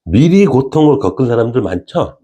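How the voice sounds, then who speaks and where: A middle-aged man giving a chatty spiritual lecture, checking in with his listeners and chuckling now and then. His voice is mellow and warm, at an ordinary male pitch. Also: big pitch swings, moderate pace. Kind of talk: casual spoken lecture.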